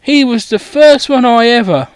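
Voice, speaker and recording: A man's voice: extremely high pitch, animated, moderate pace, clear, resonant tone, dry recording. A man voicing a cocky teenage boy wizard who swears and talks matey and cheeky.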